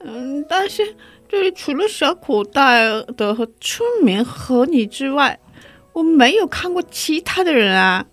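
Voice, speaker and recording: A small furry storybook creature on the edge of tears, put on by a woman narrator, high and lilting with wide swoops in pitch. Soft and pleading, with faint music behind. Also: very animated, a little slow, heavily acted. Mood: sad, tearful. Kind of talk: storybook reading.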